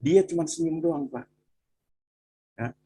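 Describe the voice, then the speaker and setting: A man from Bandung, telling his personal testimony in animated conversation and often addressing the listener as "Pak". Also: a little high, slow pace, creaky. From Bandung, Indonesia. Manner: animated storytelling, frequent "Pak" and "gitu".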